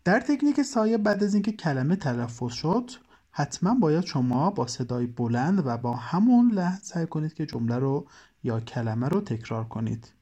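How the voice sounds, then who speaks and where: A language teacher gives calm, clear instructional narration. The voice rises and falls often, keeping the explanations lively. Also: medium pitch.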